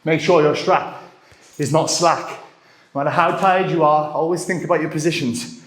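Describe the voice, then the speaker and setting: A man's voice: on the high side, steady tone, normal speed, fairly bright tone. Roomy-sounding male fitness coach counting down. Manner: encouraging, gives short commands and counts down. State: getting out of breath. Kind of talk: live workout instruction. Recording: roomy echo.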